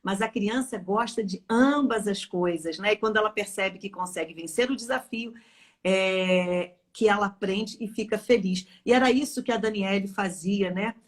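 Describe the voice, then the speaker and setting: A woman's voice: mid-range voice, moderate pace. A woman, a former school teacher talking on a casual live chat, emphatic and full of stories.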